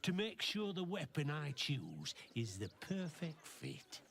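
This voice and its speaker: An actor voicing a brusque male weapon seller who swears and is quick to suspect. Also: a little high, very animated, vocal fry, a bit bright, exaggerated voice. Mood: probing. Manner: curt, swearing, suspicious. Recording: game audio over faint music.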